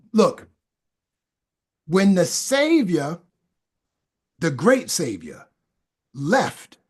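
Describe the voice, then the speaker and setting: A Boston, USA man with a high voice is a podcast guest whose casual talk grows into fervent preaching. Stammering, he restarts often and repeats phrases for emphasis.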